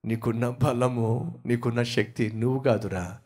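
A man voicing a patient father who gently teases his son. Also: mid-range voice, a little slow, pitched below the performer's own voice, lightly acted. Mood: gently teasing.

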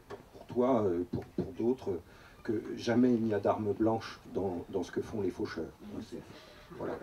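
A man in his fifties from Paris, moderating a public talk in a measured, formal way with frequent hesitations, speaking into a handheld mic. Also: medium pitch, dark tone, recorded from a distance. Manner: measured, formal, many "euh" and "n'est-ce pas". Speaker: moderator, writer and teacher. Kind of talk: public talk, asking a question. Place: open tent at a rural festival.

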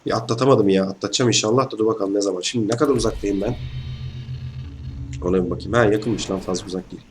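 Young male gamer host, hoarse, chatty and excitable, yelling at sudden scares, faint hiss behind him. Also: lowish voice, quick pace. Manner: chatty, excitable, slangy, bursts into shouts. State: hoarse from illness. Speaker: gaming channel host. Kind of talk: casual let's-play commentary.

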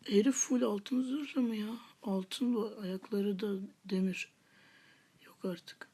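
A woman's voice: mid-range voice, slow, dark tone, breathy edge. A woman hosting a gaming channel, giving live gameplay commentary with half-whispered muttered asides and playful taunts at opponents.

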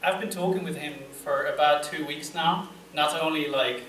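The host, a young man, runs a casual, filler-heavy live interview in a room with a table and an audience. His slightly high, somewhat bright voice moves at normal speed, captured distantly by a stand-mounted table mic amid echo and noise.

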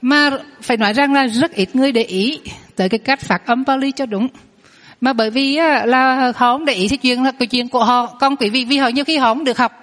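A woman, a Buddhist nun, teaching a Dharma class, explaining patiently and drilling new words slowly, saying each one twice. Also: high voice, fairly bright tone. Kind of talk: Dharma lesson with pronunciation drills. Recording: long hall reverb.

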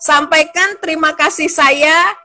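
A woman's voice: sits high, a little slow, sharp tone. A middle-aged woman, a lecturer hosting a casual live-stream chat, encouraging and chatty, with frequent fillers and small laughs.

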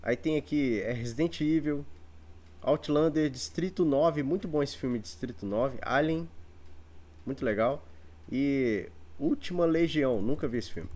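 A man's voice: medium pitch, measured pace, a little mellow. A man with a Brazilian accent working as an auctioneer, calling a live online auction in repetitive patter of bids and counts. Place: indoor room full of antiques.

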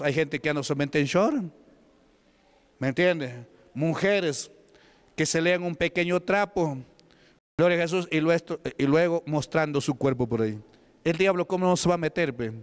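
A man's voice: a little high, smooth. A man, a church deacon giving a fervent sermon and deliverance prayer with repeated commanding calls. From Peru. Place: church service.

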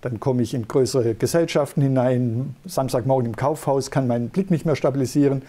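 A man's voice: mid-range voice, brisk, warm tone. A middle-aged man, a neurologist, patiently explaining in an interview. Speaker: neurologist guest.

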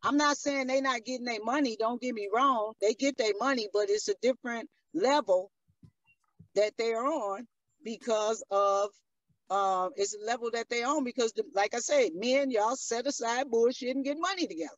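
A woman's voice: on the high side, normal speed, no room sound, muffled recording. A woman talking as a guest on a radio show in a casual, emphatic street style, often asking "you see what I'm saying".

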